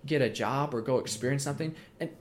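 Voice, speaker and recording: A man's voice: medium pitch, quick pace, a little hiss or hum. A nineteen-year-old man talking casually as an interview guest, with lots of fillers and restarts. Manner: relaxed, many fillers and restarts.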